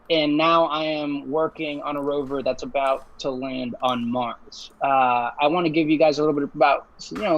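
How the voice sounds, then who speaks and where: Earnest young man on a muffled call. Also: on the high side. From Ecuador, raised in Puerto Rico. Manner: earnest, relaxed, with frequent fillers and restarts. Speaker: engineer, guest speaker. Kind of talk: casual webinar talk. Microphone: video call. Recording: muffled video-call audio.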